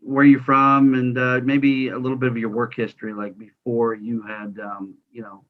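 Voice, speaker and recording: A man's voice: medium pitch, completely flat delivery, normal speed. A man hosting an online interview show, talking informally with many fillers. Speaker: podcast host. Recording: slightly dull lo-fi audio.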